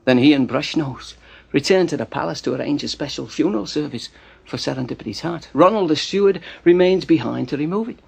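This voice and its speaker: A man telling a folk tale with a gravelly, husky voice and theatrical, animated delivery, dropping to hushed asides. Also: on the high side, a little fast. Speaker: storyteller. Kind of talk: storytelling narration.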